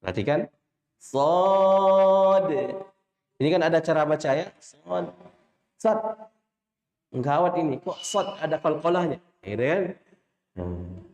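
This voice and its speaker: A man with an Indonesian accent teaching Quran recitation, drilling letter names slowly and quizzing his students with short questions. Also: a little high, lively intonation, a little mellow, reverberant, lo-fi sound. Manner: chants drawn-out letter names when demonstrating. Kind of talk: classroom lesson with call-and-response recitation.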